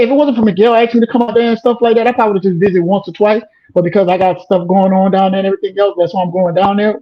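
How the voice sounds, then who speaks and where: A man talking as a guest in a casual chat, emphatic and insistent, calling the listener bro. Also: sits high. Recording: dull lo-fi sound.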